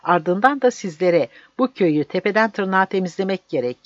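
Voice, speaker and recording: A narrator voicing a cruel army major who loudly barks threats and orders. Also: mid-range voice, animated, fairly quick, no echo, voice pushed up, natural voice. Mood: threatening. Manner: loud, barking threats. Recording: dull dry recording.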